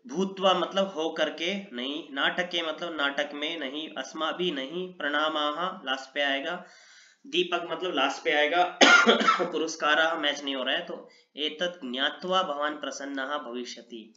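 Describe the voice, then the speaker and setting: A man teaches with lively energy and slips English words into his explanations. His voice is bright and forceful and sits a little high. The recording is dull and lo-fi, with an echoey room around him. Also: normal speed. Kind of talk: online Sanskrit lesson in Hindi.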